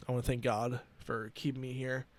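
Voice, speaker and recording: Earnest young man, halting and emotional. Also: mid-range voice, flat delivery. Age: 20s. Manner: earnest, halting, with many restarts and "you know". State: emotional, near tears. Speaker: podcast host. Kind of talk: personal solo podcast talk.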